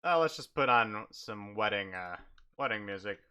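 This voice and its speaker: Casual man game master, bright, lively pitch. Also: moderate pace, smooth. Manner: casual, swears, talks to himself. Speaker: game master and solo player. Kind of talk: improvised solo tabletop game narration.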